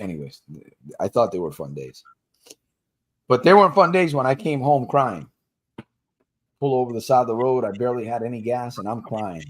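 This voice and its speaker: A man hosting a casual livestream for gamblers in recovery, plain-spoken and slangy, coaching listeners directly and laughing easily between points. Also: on the low side. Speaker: podcast host for gamblers in recovery.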